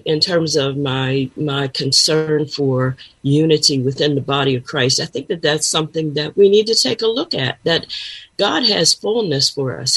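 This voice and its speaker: A woman guest on a talk show, speaking conversationally and haltingly as she searches for words. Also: sits low, a bit bright, slightly rough, poor audio. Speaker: guest, pastor and counselor. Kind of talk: conversational interview.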